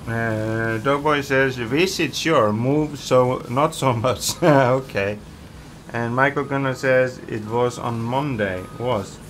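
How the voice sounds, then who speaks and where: Speaking slowly in a mid-range, fairly bright voice, a game streamer from Iceland chats casually on a live stream, reading viewer comments out loud between hesitant fillers. A little hiss or hum can be heard.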